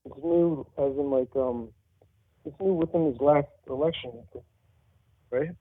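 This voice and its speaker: A man from New Jersey calling in to a talk show, talking quickly and earnestly with many fillers over a muffled, quiet headset phone line that sounds underwater. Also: a little high. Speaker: caller. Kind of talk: call-in talk show chat.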